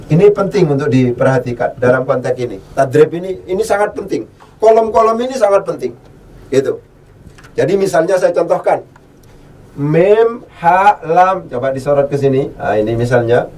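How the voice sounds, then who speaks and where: A man teaching Arabic grammar who quizzes the listener, repeats key phrases and chants verb forms slowly. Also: a little high, darkish tone, recorded from a distance. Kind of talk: classroom lesson, recited conjugation drills.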